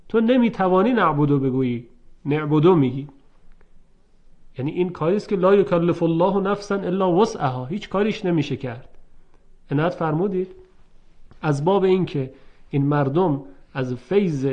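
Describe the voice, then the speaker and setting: A man gives an explanatory lecture in a fairly high voice, patiently working through examples and pausing to ask his listeners rhetorical questions. The recording is dull and muffled. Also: a little mellow. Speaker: religious studies lecturer.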